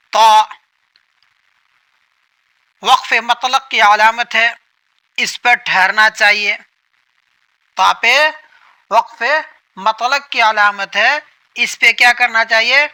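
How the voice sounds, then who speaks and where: In this low-quality but clean-toned recording, a man speaks in a high, bright, forceful voice as he explains Quran reading. He repeats each point and answers his own questions.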